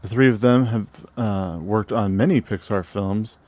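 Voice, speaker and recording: A man co-hosting a casual movie podcast. He reads film credits haltingly, with many fillers and restarts. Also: on the low side, darkish tone, no room sound. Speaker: podcast co-host.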